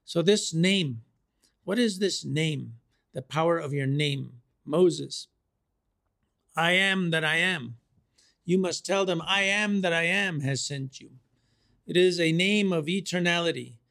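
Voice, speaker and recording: Gravelly-voiced male preacher, slow and deliberate. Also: a little high, fairly bright tone. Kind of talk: sermon.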